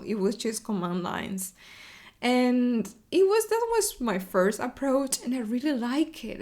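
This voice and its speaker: Slow-talking Argentine woman telling her story. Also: medium pitch. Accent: Argentine Spanish. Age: young adult. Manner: unhurried, friendly, many ums and restarts. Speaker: video podcast host, web developer advocate. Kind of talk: casual personal storytelling to camera.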